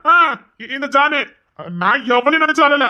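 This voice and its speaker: A woman's voice: high voice, moderate pace, bright, forceful tone. A woman voicing a proud, brusque husband in an audio drama, speaking in a grumbling, dismissive way. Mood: gruff, dismissive. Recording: dull lo-fi recording.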